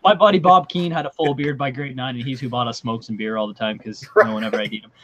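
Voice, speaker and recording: A man's voice: mid-range voice, animated, quick pace, a bit bright. A man of thirty on an earbud video call, telling stories in a candid, joking way and swearing casually. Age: 30s. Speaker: panelist, reseller. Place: home room with shelves of games. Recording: dull lo-fi sound with faint noise.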